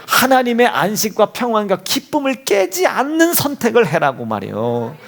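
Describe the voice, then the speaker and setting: A man's voice: high voice, huge pitch swings, moderate pace, a bit bright. A male pastor preaching a sermon in a church, asking the congregation rhetorical questions and acting out quotes. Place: church sanctuary. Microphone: handheld or stand microphone.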